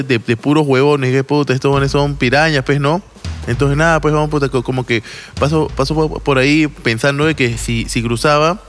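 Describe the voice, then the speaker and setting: This podcast storyteller is a man with a Lima Peruvian accent and a mid-range, slightly bright voice. He spins a long, rambling story in casual chat, packed with slang, swearing and restarts.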